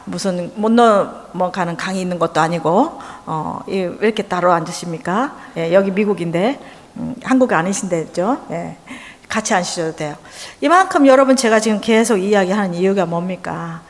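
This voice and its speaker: A woman from Korea preaching a lively sermon in a church, acting out little dialogues and bantering with the congregation. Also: on the low side, moderate pace. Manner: animated, acts out dialogue, chats with audience. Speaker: missionary seminar speaker. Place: church sanctuary. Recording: church hall with long reverb.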